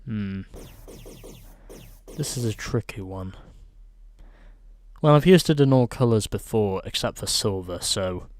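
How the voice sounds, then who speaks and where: A man's voice: lowish voice, unhurried, long pauses, darkish tone, soft background music. A man hosting a let's play, chatting casually through gameplay and reading event text aloud.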